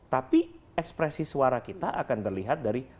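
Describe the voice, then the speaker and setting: A man in his thirties talks as a guest on a studio talk show. His pitch moves up and down a lot. He demonstrates different tones of voice as he explains. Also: lively intonation, a little fast, darkish tone. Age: 30s.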